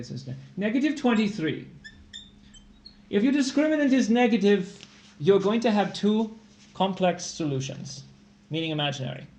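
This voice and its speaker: A man's voice: fairly high pitch, a little hiss or hum. A man hosting a live-streamed tutoring lesson, explaining math problems in a playful, jokey way.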